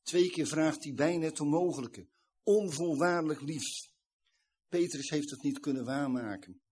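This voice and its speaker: A man's voice: on the high side, normal speed, warm tone, husky. A man preaching a sermon, earnestly retelling a scripture story and explaining it.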